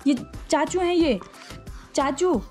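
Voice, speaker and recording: A woman's voice: high voice, expressive, slow, darkish tone. A young woman from the Uttarakhand hills, chatting playfully and teasingly as she narrates her wedding photos. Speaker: vlogger, bride. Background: faint background music.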